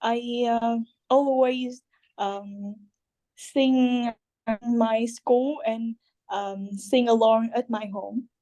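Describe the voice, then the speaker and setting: Girl student, slow and halting, lots of ums, slightly high voice. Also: fairly even intonation, dark tone, lo-fi sound. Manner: hesitant, many ums and uhs, searching for words. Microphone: video call.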